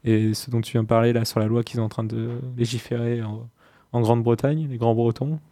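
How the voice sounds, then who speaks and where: A man's voice: medium pitch, little pitch movement, a little fast, warm tone, no room sound. A man from France on a discussion panel, speaking casually in a hesitant, tentative way.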